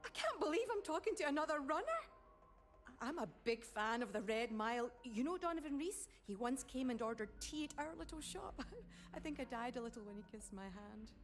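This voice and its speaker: Game casting: high, lively Scottish tea shop clerk, chatty and fan-struck. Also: female voice, brisk, soft background music. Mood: cheerful.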